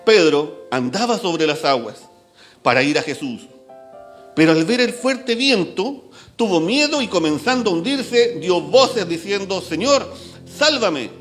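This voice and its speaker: A male preacher delivers a sermon in a church, reading scripture aloud and joking with his listeners. His voice sits high and swings widely in pitch as he speaks. Soft music plays faintly behind him. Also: a little slow. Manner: animated, reads scripture aloud and jokes with the congregation.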